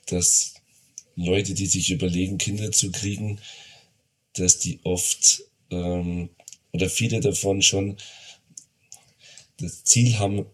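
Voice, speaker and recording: A man in his forties talking in a casual podcast chat, thoughtful and restarting his sentences. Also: low-pitched. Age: 40s. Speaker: podcast guest, father.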